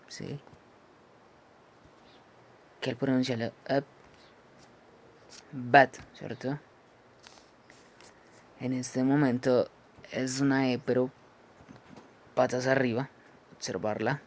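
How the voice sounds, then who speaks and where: Man, phonetics teacher, unhurried, checks understanding after every symbol. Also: mid-range voice, flat delivery, slight background noise. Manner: slow, explains each symbol, checks with "¿sí?" and "¿cierto?". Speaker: English teacher. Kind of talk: phonetics lesson.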